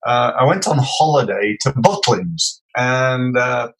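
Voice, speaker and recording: His medium-pitched voice is animated yet slow, creaky, fairly bright and slightly rough, heard through a low-quality recording. A middle-aged man with a Yorkshire accent from Sheffield, England, he recounts his life as a podcast guest, casually and haltingly, with many fillers and restarts.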